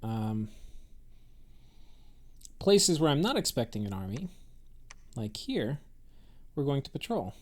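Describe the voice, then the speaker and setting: A man's voice: mid-range voice, big pitch swings, takes it slowly, long pauses. Man thinking aloud over a strategy game. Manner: rambling, thinks aloud with many fillers and restarts. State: has the hiccups. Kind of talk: casual gameplay commentary.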